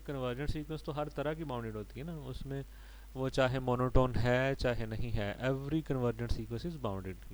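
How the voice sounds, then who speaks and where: Male maths lecturer, mid-pitched, patient step-by-step explanation, faint hum behind. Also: a little mellow, poor audio. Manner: explains step by step, mixing English terms and often adding "ठीक है जी".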